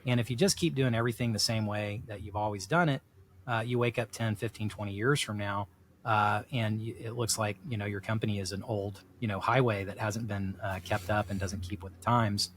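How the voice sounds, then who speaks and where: In a casual podcast discussion, a middle-aged South Texas man thinks out loud, rambling and reflective with plenty of "you know." His fairly low voice is steady and fairly quick, with a little hiss or hum on the recording.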